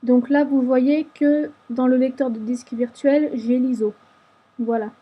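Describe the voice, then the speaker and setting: A woman narrating a screen-recorded software tutorial, explaining each step patiently. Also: high-pitched, fairly even intonation, a little slow, husky, lo-fi sound. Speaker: tutorial maker.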